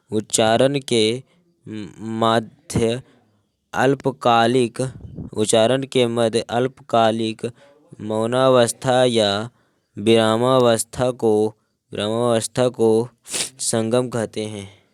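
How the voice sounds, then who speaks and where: Slow, smooth-voiced male teacher dictating. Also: mid-range voice, no room sound. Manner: repeats each phrase as if for dictation. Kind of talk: grammar lesson.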